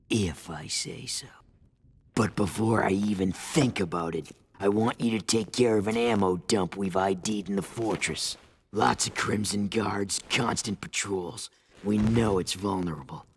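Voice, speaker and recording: An actor playing a gruff, commanding underground resistance boss in a video game, curt and authoritative, with a husky gravelly voice. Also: male voice, low-pitched, heavily acted. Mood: stern, commanding.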